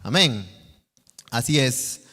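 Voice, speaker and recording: Costa Rican male preacher, mid-pitched, earnest teaching sermon, church hall reverb. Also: expressive, slow, sharp tone. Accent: Costa Rican Spanish. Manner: earnest, teaching, asks the congregation questions. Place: church sanctuary.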